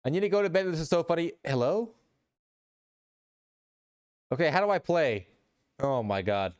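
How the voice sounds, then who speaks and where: A man's voice: fairly high pitch, lively intonation, moderate pace. A man streaming live, chatting casually with his chat in a rambling way and reading posts aloud.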